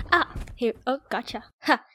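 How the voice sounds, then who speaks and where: A woman's voice: on the high side, bright, forceful tone, slight background noise. A young woman voicing a cocky, teasing friend's older sister in an audio roleplay, swearing freely and laughing often. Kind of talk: audio roleplay addressing the listener.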